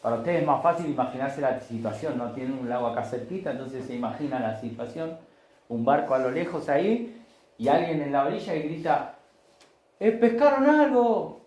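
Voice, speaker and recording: A man's voice: medium pitch, a little fast, darkish tone, roomy sound, low-quality recording. A man preaching a Sunday sermon, telling stories in a conversational way and acting out the voices in them. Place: church.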